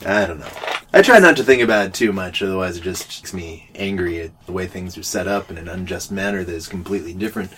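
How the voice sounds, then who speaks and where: A man's voice: deep voice, fast talker, a little hiss or hum. A man in casual chat, telling a story with lots of laughter and acted-out dialogue. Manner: animated, laughs while telling stories, acts out quoted exchanges.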